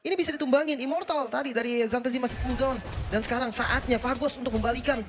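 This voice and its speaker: Very rapid-fire man, esports analyst. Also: very high-pitched, fairly even intonation, faint music behind. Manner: colloquial, explains tactics. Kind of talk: casual analytical live game commentary.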